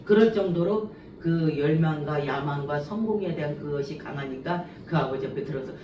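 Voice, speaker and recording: A woman preaching at a church revival, telling personal stories with lively acted-out voices and frequent laughter. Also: low voice, moderate pace, slight background noise. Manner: animated, acts out quoted voices, laughs often. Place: church sanctuary. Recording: echoey church hall, mic at a distance.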